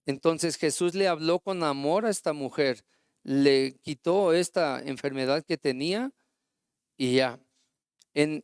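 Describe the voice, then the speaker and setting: Man preaching a clear sermon. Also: fairly high pitch, dry recording, studio quality. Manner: storytelling with acted quotes and rhetorical questions.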